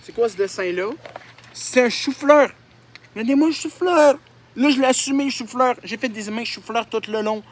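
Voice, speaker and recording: A man's voice: very high-pitched, moderate pace. A young man with a Québécois accent, making mocking, self-deprecating commentary on his old drawings and swearing often. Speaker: YouTuber. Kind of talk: casual commentary on childhood drawings.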